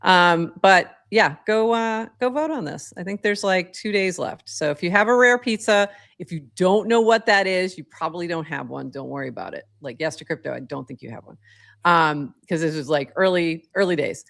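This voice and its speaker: Mulher animada conversando no podcast. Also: female voice, lowish voice, normal speed, creaky, fairly bright tone. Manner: chatty, laughs often, many fillers. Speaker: co-host. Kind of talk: casual podcast chat.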